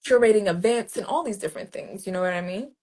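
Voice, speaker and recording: Quick-paced and medium-pitched, a woman poet from New Jersey, USA, tells stories informally as an interview guest. She animates them by imitating street greetings in assorted voices.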